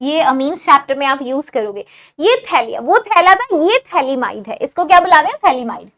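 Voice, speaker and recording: Woman, high voice, chemistry teacher, online lecture, mixes Hindi and English, keeps asking if it's clear. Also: animated, fairly quick, fairly bright tone. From India. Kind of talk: online exam-prep lecture.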